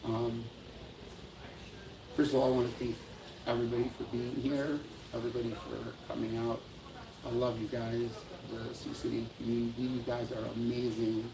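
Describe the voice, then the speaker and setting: Guy going live on his phone outdoors, earnest and rambling, gravelly voice, bit of faint noise behind. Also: medium pitch, monotone, normal speed. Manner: earnest, rambling, often apologizing and addressing viewers. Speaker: livestream host at a memorial event. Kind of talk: emotional livestream talk.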